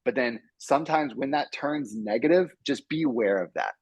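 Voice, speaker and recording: A man, a software engineer, giving earnest advice to students on a panel and acting out his own thoughts as he goes. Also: mid-range voice, moderate pace, slightly rough, no room sound. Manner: earnest, animated, acts out his own inner voice.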